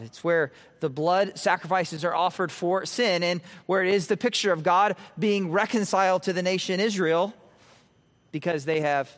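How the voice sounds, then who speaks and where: Animated male preacher in a reverberant church. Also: a little high. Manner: animated preaching, rising emphasis and dropping to quiet at phrase ends. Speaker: pastor. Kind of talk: expository sermon. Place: church sanctuary.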